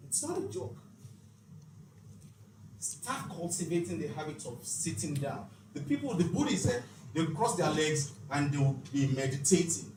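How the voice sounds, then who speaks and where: A man heading a financial literacy leadership session gives an emphatic, preacherly, faith-based motivational talk full of rhetorical questions. His fairly high voice swings widely in pitch at an unhurried pace. Recorded in an echoey room with a distant mic and clear background noise.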